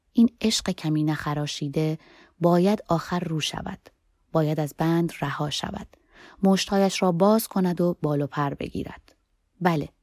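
A woman narrating a first-person novel in a soft, expressive storytelling manner. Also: sits low, no room sound, clean studio sound. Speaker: audiobook narrator.

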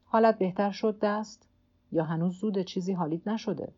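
A woman's voice: mid-range voice, warm tone, dull audio, voice pushed up, close to an everyday voice. A woman voicing a weary old male fisherman alone at sea, who mutters stubbornly to himself and to his cramped hand in an audiobook. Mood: muttering to himself. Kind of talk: audiobook character voice.

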